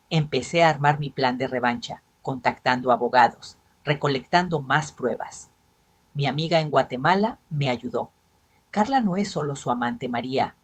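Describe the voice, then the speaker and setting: Breathy woman telling a dramatic story. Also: low voice, no echo. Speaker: narrator. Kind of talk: dramatic first-person story narration.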